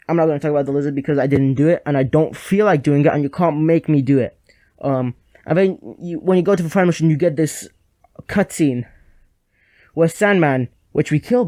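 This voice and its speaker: A man's voice: a little high, brisk, dark tone, no room sound. Rambling sarcastic young game reviewer man. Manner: rambling, sarcastic, lots of fillers. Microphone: home microphone.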